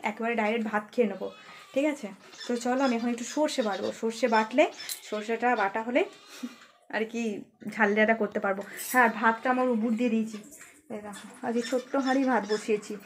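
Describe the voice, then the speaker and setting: A fast-talking woman with a slightly high voice, chatting casually to her viewers as she cooks in a home kitchen. A faint noise sits under her voice. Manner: chatty, talks straight to viewers. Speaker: vlogger. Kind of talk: casual home vlog narration.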